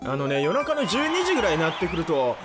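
A man's voice: a little high, huge pitch swings, fast. A man giving casual, chatty commentary as he hosts a gaming video. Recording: loud game music behind the voice. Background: video game music.

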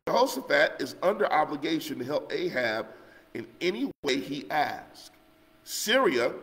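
A man's voice: a little high, long reverb tail, poor audio. A man teaching a Sunday school lesson who walks through scripture and often checks in with "okay?". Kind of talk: Bible lesson with scripture reading. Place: church.

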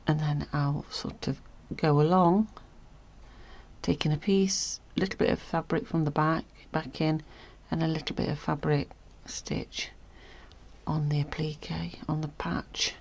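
A woman hosting a casual stitching tutorial, chatty and self-correcting, often dropping to a soft murmur as she works. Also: deep voice, little pitch movement, unhurried, muffled recording. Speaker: sewing tutorial host.

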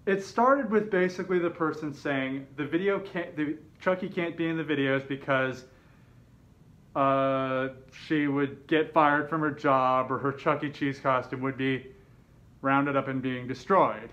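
In an open living room and kitchen at home, a man wearing a fursuit head tells a personal story, rambling casually, hesitating and often correcting himself. His voice is mid-range, fairly bright, and measured in pace. A camera mic a short distance away picks him up, giving dull, slightly muffled home audio.

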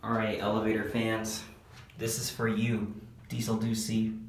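A man narrating a handheld walkthrough of a store elevator, slow and enthusiastic, recorded on a phone indoors. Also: fairly low pitch, completely flat delivery, noisy background. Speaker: elevator video vlogger. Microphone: phone camera held in hand.

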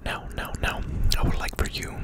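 A young man delivers a whispered role-play in tingly ASMR mouth-sounds style. His breathy whisper sits right on the microphone. He is playful and halting, often circling back over the same phrase. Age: young adult. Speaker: ASMR video host. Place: small home studio room. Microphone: close desk microphone at the lips.

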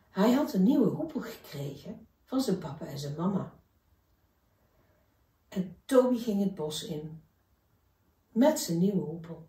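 A woman reading a children's story aloud in a gentle, expressive way. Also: on the low side, recorded from a distance. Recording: echoey room, voice from afar.

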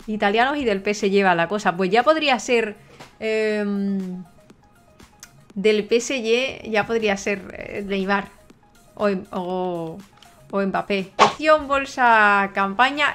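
A young woman from Spain with a Spanish accent, giving chatty gameplay commentary straight to her viewers and breaking into excited shrieks. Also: mid-range voice. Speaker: gaming streamer.

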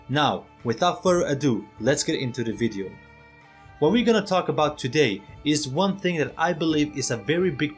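A man hosting an opinion video as a voice-over, earnest and persuasive, speaking straight to his viewers. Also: on the high side. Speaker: channel host.

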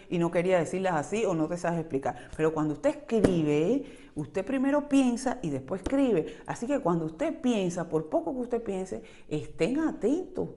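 A woman, talking casually to camera as a vlogger in a loud, lively, rambling way. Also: mid-range voice. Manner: lively, talkative, rambling, quick changes of loudness; speaks very loudly by her own account. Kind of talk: casual reflective monologue to camera.

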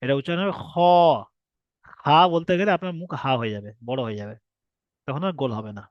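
This man's online lesson covers how the alphabet's letters look and sound; he explains patiently, repeats himself and asks rhetorical questions. He speaks at medium pitch, animated and brisk. The recording is dry, with the highs cut off.

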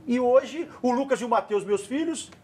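A man's voice: very high-pitched, expressive, normal speed, darkish tone, slightly rough. A man in his forties with a São Paulo accent, a studio guest chatting casually and giving earnest advice to children. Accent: São Paulo Portuguese. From Brazil. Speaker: studio guest, former goalkeeper.

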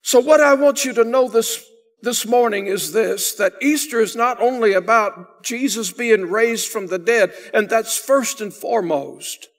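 An older pastor preaches a sermon from the pulpit of a church sanctuary in a high voice, speaking a little slowly. He preaches emphatically, bearing down on key phrases and letting his voice swell louder on them.

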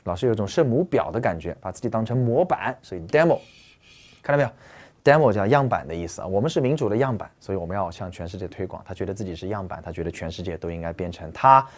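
An animated male teacher explaining English words in a lecture, his pitch rising and falling widely. He keeps asking the listeners questions and says the key terms over and over. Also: quick pace.

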